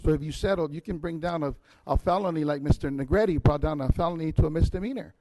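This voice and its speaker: Blunt man with a dark, dry voice. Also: fairly high pitch, fast talker, no echo, low-quality recording. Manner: blunt and emphatic, repeating his point.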